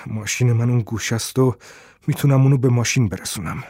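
A man's voice: medium pitch, mellow, slightly rough, no room sound, clean studio sound, natural voice. A man reading an audiobook voices an agitated young man with urgent, pleading lines. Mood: insistent.

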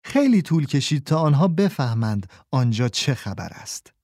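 A man narrating a children's storybook in a calm, measured reading voice, close to the mic. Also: medium pitch, no room sound.

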